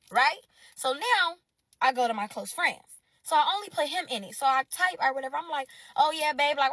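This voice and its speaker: A woman's voice: sits high, pushed and bright, dry recording, distant mic. A woman telling a dramatic storytime straight to her viewers, addressing them as y'all and breaking into laughs. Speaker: storyteller in a clip. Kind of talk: casual storytime to the camera.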